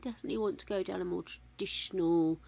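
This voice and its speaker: An older woman streams a game, chatting casually and thinking aloud to her viewers while she builds, with game music playing behind her. Her voice is on the low side, fast, creaky and darkish.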